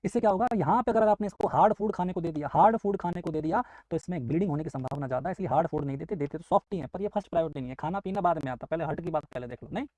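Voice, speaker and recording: A man's voice: a little high, rapid-fire, hardly any pauses, darkish tone, dry recording, poor audio. A man teaching a live online nursing exam class, explaining step by step and acting out students' questions and his own answers. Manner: explains step by step, mixes English into Hindi.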